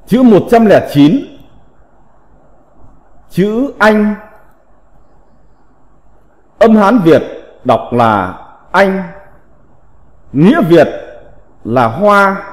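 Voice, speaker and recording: A man teaching a slow recited vocabulary lesson, reading in a deliberate, measured way with drawn-out syllables. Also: high-pitched, big pitch swings. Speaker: teacher of classical characters. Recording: long reverb.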